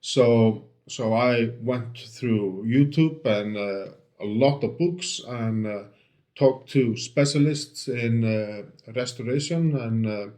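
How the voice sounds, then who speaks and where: A man from Iceland, a book restorer, gives a casual interview at home in his Icelandic accent. He takes it slowly in a medium-pitched, darkish voice, hesitating often with fillers and false starts.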